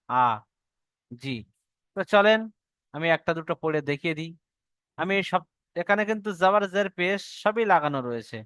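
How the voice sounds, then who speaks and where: Bengali male teacher, smooth tone, slightly higher voice, dry close sound, drills call-and-repeat. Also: bright, forceful tone, dry recording. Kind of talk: online Quran reading class.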